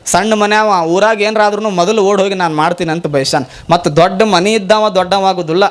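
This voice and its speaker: A high-pitched man preaches a sermon in a North Karnataka accent. He tells folksy stories, acts out the dialogue of the people in them and chants devotional verses in a slower, measured cadence. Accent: North Karnataka Kannada. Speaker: monk preacher.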